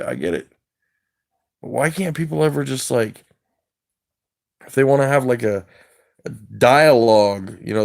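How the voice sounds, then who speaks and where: A man's voice: mid-range voice, creaky, a little mellow. A man on a livestream rant, agitated and wired, rambling from thought to thought and swearing a lot. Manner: swears heavily.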